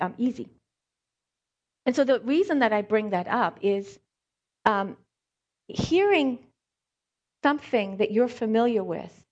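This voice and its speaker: Her voice is on the high side, with the highs cut off in the recording. She is a middle-aged lay preacher and hand therapist, born in Scotland and raised in South Africa, whose light accent colors an informal sermon of scripture readings and anecdotes, peppered with ums and wry humor.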